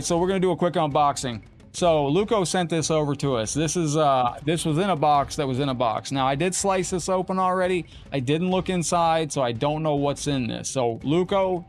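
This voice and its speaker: A man live-streaming a game, chatting casually with viewers and his cat and getting excited during an unboxing. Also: on the high side.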